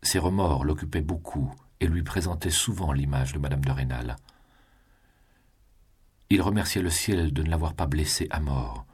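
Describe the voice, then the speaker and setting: A man narrating a classic novel in a calm, measured reading voice. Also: rumbling low, breathy edge. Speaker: audiobook narrator.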